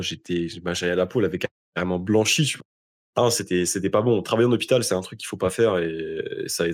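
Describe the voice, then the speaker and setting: A young man from France talking casually as an interview guest, in an informal, slangy way with emphatic repetition. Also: low voice. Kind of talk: casual conversation.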